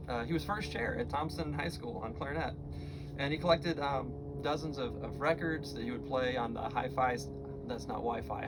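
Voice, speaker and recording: A middle-aged American man giving a heartfelt eulogy for his father, speaking tenderly and haltingly, with pauses and repeated words. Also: mid-range voice, heavy background noise. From Florida, United States.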